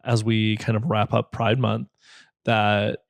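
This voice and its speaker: A man's voice: lowish voice, level tone, takes it slowly, gravelly, dry recording. A middle-aged man hosting a podcast, speaking in an encouraging, easygoing way and laughing easily with his guest. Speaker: podcast host. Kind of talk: casual podcast interview.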